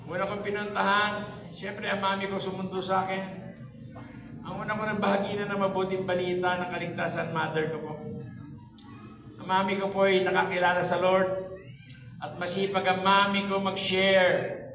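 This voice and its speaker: A man's voice: sits high, little pitch movement, normal speed, long pauses, background noise. A man from the Philippines giving a church testimony, telling his story earnestly and acting out past conversations. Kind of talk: testimony sermon. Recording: echoey hall from far off.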